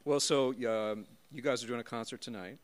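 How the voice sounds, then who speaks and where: A man hosting a podcast interview, asking relaxed, friendly questions and chiming in with short agreements. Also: medium pitch, a little fast, smooth. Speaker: podcast host. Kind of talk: casual interview. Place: small recording studio. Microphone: studio microphone.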